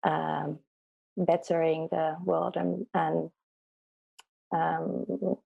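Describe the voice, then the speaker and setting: A woman's voice: low-pitched, little pitch movement, drawn-out words, vocal fry, dark tone, muffled recording. A young woman from Finland, a native Finnish speaker, answering as an interview guest over a remote call, hesitant with many ums. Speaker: guest, law student. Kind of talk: casual interview.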